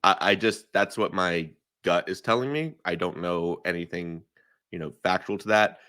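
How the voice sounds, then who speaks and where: A man's voice: low-pitched, normal speed, sharp tone, smooth, no room sound, clean studio sound. A man giving emphatic, opinionated takes as a guest in a casual podcast chat, often restarting his sentences. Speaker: guest analyst.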